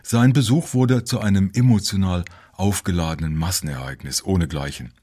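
A man narrating a history documentary in a measured, informative way. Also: deep voice, a little mellow, husky.

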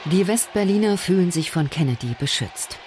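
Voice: medium pitch, lively intonation, normal speed, a little mellow, a little hiss or hum. A narrator reading an archival news report in a formal announcing tone. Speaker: newsreel narrator.

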